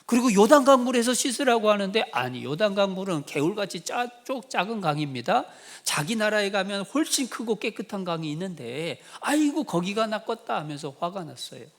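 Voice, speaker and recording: Guy pastor preaching, kinda high voice, tells stories and acts out the lines. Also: brisk. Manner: storytelling with acted quotes, rising to animated emphasis. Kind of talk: sermon.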